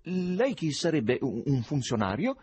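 A man's voice: fairly high pitch, very animated, unhurried, a little mellow, husky, no echo, pitched above the performer's own voice, heavily acted. A man voicing a suspicious, rude male building manager who questions sharply.

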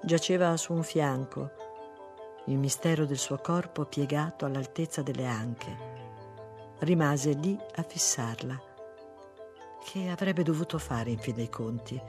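A narrator reading a literary story aloud in a measured, unhurried way. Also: medium pitch, music in the background.

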